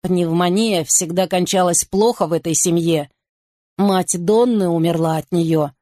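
A woman voicing an agitated young man in love who pleads and raves in excited bursts. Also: on the low side, unhurried, no room sound, clean studio sound, close to an everyday voice.

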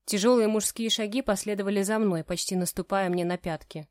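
A woman narrates a first-person romance novel with emotive storytelling. Her voice is mid-pitched and sits dry and close to the mic. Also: steady tone, a little fast, a little mellow, dry recording. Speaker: audiobook narrator.

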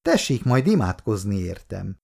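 A man voicing a proud, easily upset young woman in a read-aloud story who bursts out indignantly, pitched high. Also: very animated, gravelly, a little mellow, exaggerated voice. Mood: wary. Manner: indignant outbursts.

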